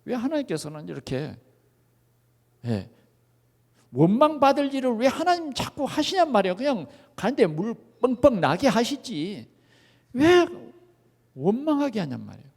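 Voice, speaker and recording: A man's voice: very high-pitched, normal speed, creaky. A male pastor preaching a sermon in a church, often asking the congregation questions. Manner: animated, asks the congregation questions. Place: church sanctuary. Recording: echoey church hall.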